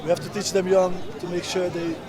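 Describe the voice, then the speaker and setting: A man's voice: high voice, monotone, brisk. A man in his twenties from the Netherlands, interviewed at an outdoor street protest, speaking earnestly and emphatically in short insistent phrases. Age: 20s. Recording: outdoor street recording with loud crowd. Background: crowd of protesters.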